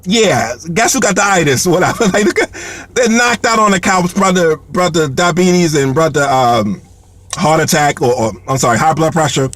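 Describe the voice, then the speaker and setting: Brief: man, high voice, animated comic storyteller, lots of fillers and restarts. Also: normal speed, no echo. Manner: heavy fillers and repeated words; animated, laughs between lines. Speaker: comedian telling a story.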